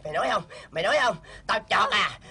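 An actor voicing a cruel old male villain in a fairy-tale drama, shouting and cackling with wild leaps in pitch. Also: lively intonation, quick pace, gravelly, breathy edge, full character voice. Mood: threatening.

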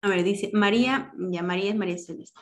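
A woman's voice: mid-range voice, brisk. Woman teacher, directive online class voice, patient explainer.

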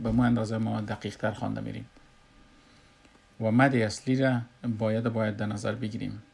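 A man with an Afghan Dari accent teaches Quran recitation in a recorded lesson, explaining slowly and pausing often with "uh". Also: medium pitch, gravelly, darkish tone, breathy edge. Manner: slow, explanatory, with frequent "uh" pauses.

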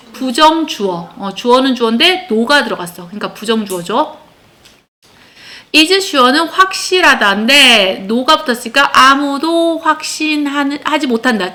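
A woman's voice: high voice, sharp tone. A woman teaching English to a class of children, explaining a text line by line and often checking that her pupils follow.

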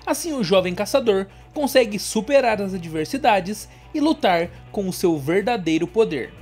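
Woman, video host; animated, swooping delivery, soft music bed. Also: medium pitch, moderate pace, husky. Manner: lively, addresses viewers directly. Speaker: host of an anime channel. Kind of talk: scripted anime explainer narration.

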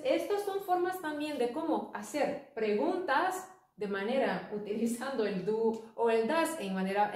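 A woman teaching an English lesson, explaining slowly and patiently. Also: a little high, a little mellow, far from the mic. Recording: echoey room, voice from off-mic.

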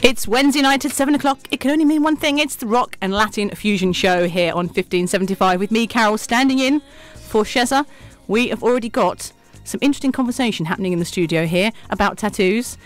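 A woman hosts a live show in a small radio studio. She is bubbly and teasing, quick to giggle, and chats with her guests between songs. Music plays faintly beneath her voice. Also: mid-range voice. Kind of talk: live hospital radio chat.

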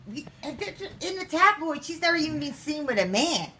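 A woman's voice: high voice, very animated, a little fast, pushed and bright. A woman bantering casually with family in a living room, telling stories in coarse, profane language. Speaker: daughter at home. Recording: faintly noisy handheld home recording.

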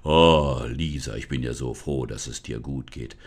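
A man voicing a gentle, unseen male forest spirit, speaking low and hushed in a storybook reading. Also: measured pace. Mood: soothing.

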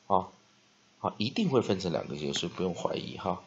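Gravelly lo-fi man teaching spelling. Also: sits low, big pitch swings, slight background noise. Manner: frequent "ah" and "ha" fillers, slow drawn-out modeling of words. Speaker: English teacher. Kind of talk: spelling and pronunciation lesson. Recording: dull lo-fi recording.

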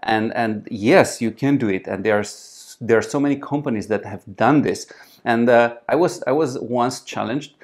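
Man, halting restarts. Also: mid-range voice, a little mellow. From Romania. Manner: halting, frequent restarts and fillers, gestures while talking. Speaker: startup founder guest. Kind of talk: conversational interview answers. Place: small indoor room at a conference.

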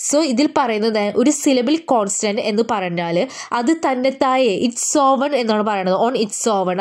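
Young malayali woman going over exam notes, reads definitions slow then explains, normal mid voice. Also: mid-range voice, darkish tone. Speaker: teacher. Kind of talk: exam revision lesson.

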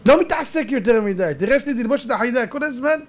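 A rabbi giving a dramatic, animated Torah sermon, acting out voices and shouting for emphasis. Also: male voice, very high-pitched.

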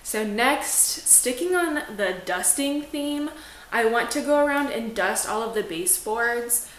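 A woman's voice: a little high, lively intonation, unhurried, a bit bright. Chatty young woman in an echoey apartment. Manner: chatty, upbeat, says "like" often. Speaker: lifestyle vlogger. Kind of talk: casual cleaning vlog narration. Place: small apartment living room, indoors. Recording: echoey room, faint room noise.

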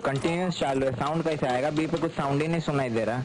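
A man with a fairly high voice speaks on team voice chat, sounding irritated and calling out what he hears on the map. Game gunfire pops clearly in the background. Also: fairly even intonation, quick pace. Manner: annoyed, complaining about mic noise. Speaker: tournament player. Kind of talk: team voice chat during a match.

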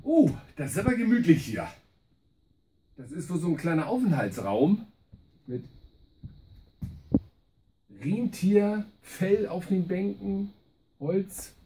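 A travel vlogger in his fifties holds the camera at arm's length as he talks by a lake and in a wooden hut. His voice is high and very animated, yet he takes things slowly, pausing often as he rambles and corrects himself. There's a lot of noise in the background.

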